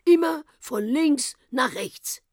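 A woman voicing an excitable, eccentric old male professor in a storybook reading, with a high, fussy, emphatic delivery. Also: takes it slowly, dry recording, clean studio sound, full character voice. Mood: excited.

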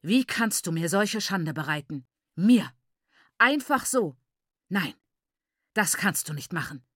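A woman voicing an enraged, domineering middle-aged father who shouts and berates his daughter. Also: on the low side, expressive, slow pace, no room sound, clean studio sound, full character voice. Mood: berating.

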